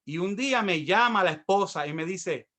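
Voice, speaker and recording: A Puerto Rican pastor in middle age delivers a sermon built on his own testimony. His voice sits high and sounds bright and forward. He tells his story with energy and acts out the voices of the people in it. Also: expressive, normal speed. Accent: Puerto Rican Spanish.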